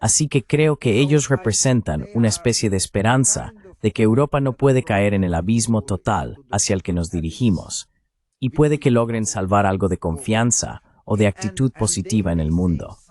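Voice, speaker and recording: In a lowish, darkish voice, a man voices interview answers in Spanish, laying out political analysis with deliberate, punchy short phrases.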